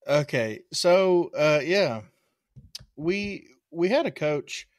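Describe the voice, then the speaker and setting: A man's voice: a little high, animated, slow pace, no echo, clean studio sound. A young man co-hosting a podcast, telling a story in casual chat with hesitant fillers. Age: young adult. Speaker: podcast co-host.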